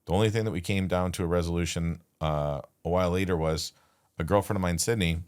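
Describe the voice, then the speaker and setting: A man with a very low voice, talking as a podcast guest. He tells his story loosely, with restarts and quoted back-and-forth. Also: clear, resonant tone. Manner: relaxed, halting retelling with restarts and quoted dialogue. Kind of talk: casual storytelling.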